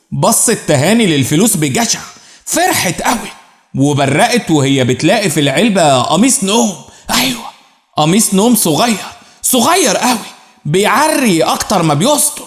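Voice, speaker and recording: A man with an Egyptian accent narrating a dramatic first-person story, expressive and lingering on repeated phrases. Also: sits high, roomy sound. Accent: Egyptian Arabic.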